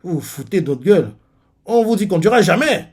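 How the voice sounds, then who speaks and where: A man voicing a brash young male warrior captain in a manga, reading his lines aloud with loud indignant outrage and coarse words. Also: fairly high pitch, moderate pace, pitched above the performer's own voice, lightly acted.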